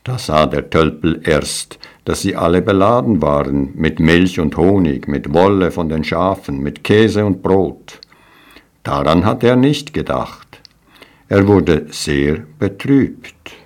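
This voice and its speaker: A man reading a storybook aloud in a calm, measured way. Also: low-pitched.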